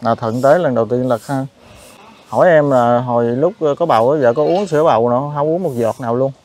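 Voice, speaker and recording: A man hosts a charity interview, asking gentle questions and speaking to viewers directly. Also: mid-range voice, quick pace. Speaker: charity vlogger host. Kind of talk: conversational interview.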